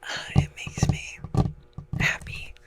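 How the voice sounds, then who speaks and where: A woman whispering softly and breathily in a casual, halting, self-deprecating ASMR ramble. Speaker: ASMR content creator.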